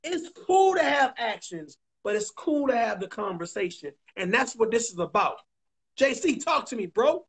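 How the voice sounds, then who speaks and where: A man's voice: very high voice, sing-song, fairly bright tone, husky. Emphatic preachy man hosting a talk show. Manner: emphatic, preachy, swears, repeats points slowly. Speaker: podcast host.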